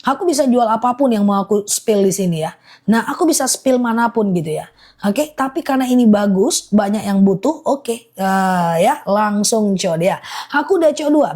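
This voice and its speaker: A woman selling honey in a live stream, chatting in a reassuring, repetitive way and slowing down to list items one by one. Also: a little high, darkish tone. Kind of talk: live-selling sales pitch.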